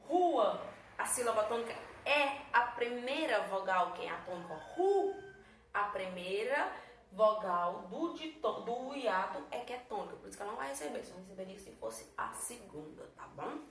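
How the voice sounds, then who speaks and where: A woman's voice: medium pitch, expressive, normal speed, fairly bright tone. A woman teacher, explaining a grammar lesson patiently and often checking in with her class. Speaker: Portuguese teacher. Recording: echoey room, mic at a distance, faint background noise.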